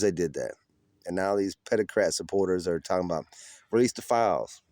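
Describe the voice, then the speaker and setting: A man with a fairly low voice rants outdoors in the cold, profane and combative. His delivery is mocking and blunt. The sound is dry and close, with little room around it. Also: a little mellow, no echo. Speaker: political vlogger. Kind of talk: ranting political commentary.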